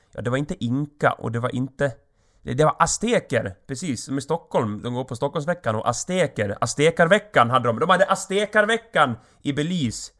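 A man's voice: medium pitch, fairly bright tone. A man hosting a solo comedic podcast, rambling in an offhand way and joking crudely. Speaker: podcast host.

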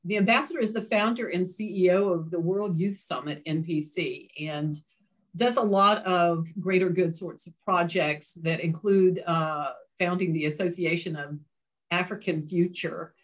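Casting: woman interviewer, somewhat low voice, friendly and chatty, video call.

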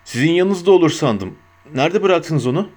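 A man voicing a grumpy, defiant old male barman with a hoarse, gruff voice in an audiobook reading. He barks scornful retorts. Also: on the high side, lively intonation, moderate pace, a little mellow. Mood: gruff, grave. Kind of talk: audiobook character voice.

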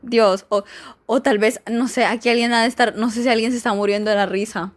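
A woman's voice: fairly high pitch, fairly even intonation, fairly quick. A young woman, chatting casually as she reads jokes aloud, giggly and full of fillers. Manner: giggly, chatty, filler-heavy, mock-exasperated. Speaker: vlogger reading jokes.

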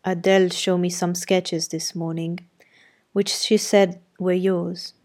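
Casting: a woman doing an imperious, sardonic master of the house for an audiobook; low-set, clipped and commanding. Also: little pitch movement, slow pace, a little mellow. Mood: brusque, commanding. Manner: curt, imperious, sardonic questioning. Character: brusque commanding gentleman, middle-aged master of the house. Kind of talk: audiobook character reading.

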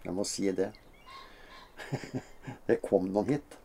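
A woman's voice: a bass voice, gravelly, dark tone, slightly rough. A woman hosting a podcast, reading listener questions and musing hesitantly, often murmuring agreement. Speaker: podcast host who reads listener questions. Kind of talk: casual podcast chat.

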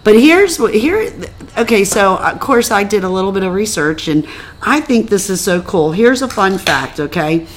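A woman's voice: mid-range voice, lively intonation, moderate pace, a little hiss or hum. A woman co-hosting a podcast in casual chat, chatty and self-mocking. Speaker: podcast co-host.

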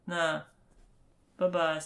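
A father telling a story to his young child, asking gentle, patient questions along the way. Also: on the high side, level tone, extremely slow, gravelly.

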